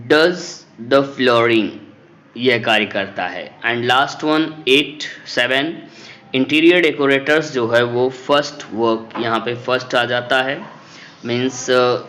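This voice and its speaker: A man's voice: medium pitch, slow, fairly bright tone, a little hiss or hum. A man explaining an English textbook lesson, reading the English lines and then explaining them at length in Hindi. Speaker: English teacher.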